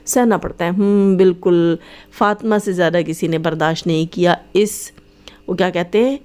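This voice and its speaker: A woman rants in a heated, taunting commentary. Her voice sits fairly low and sounds dark and mellow. She scolds her targets head-on, as if they were in front of her. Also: fairly even intonation, clean tone. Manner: scolding, taunting, addresses rivals directly. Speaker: vlogger commenting on other vloggers.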